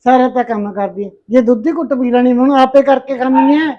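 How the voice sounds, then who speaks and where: A woman's voice: high-pitched, steady tone, a little fast, lightly acted. A middle-aged woman, playing a tired, patient mother-in-law in a village family drama. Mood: reproachful. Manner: gentle, weary, calls her "son". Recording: dull lo-fi recording.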